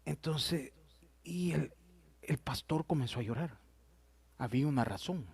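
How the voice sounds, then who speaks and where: A man's voice: a little high, unhurried, creaky, a little mellow, slightly rough, no echo. A male pastor, telling stories in a sermon and often addressing his listeners as "brother". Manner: storytelling, addresses listeners as "hermano".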